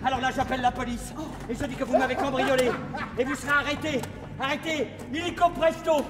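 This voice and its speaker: An actor playing a panicky, miserly rich man in a live stage comedy, talking in a shrill, frantic way. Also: fairly even intonation, brisk, a loud crowd. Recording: roomy theater stage with music.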